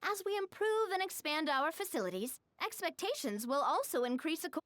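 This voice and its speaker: A woman's voice: high voice, big pitch swings, fairly quick, a bit bright, dry recording, clean studio sound. A woman voicing a friendly young woman who acts as a business mentor in a video game, explaining things patiently and encouragingly. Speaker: game character voice. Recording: game audio over music.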